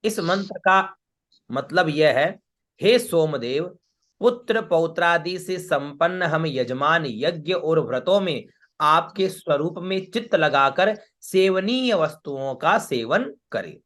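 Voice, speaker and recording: Male recitation teacher, slightly high, measured and slow, repeats lines for students over a call. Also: expressive, a bit bright. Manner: chants verses slowly, then explains syllable by syllable; patient, repeats with frequent check-ins. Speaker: Vedic chanting teacher. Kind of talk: online class, recitation lesson.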